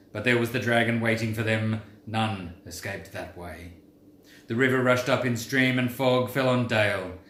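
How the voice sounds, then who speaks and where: A man voicing Thorin, a proud old dwarf king, in a deep voice with a slow storytelling cadence. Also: a bit bright. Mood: grim. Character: proud old dwarf king recounting his people's loss. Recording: roomy with faint background noise.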